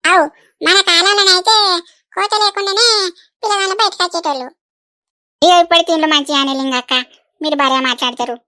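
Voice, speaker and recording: A woman voicing a talkative older village woman in an animated comedy, fretful and caring, with a chatty manner. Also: extremely high pitch, brisk, pauses often. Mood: chiding chat.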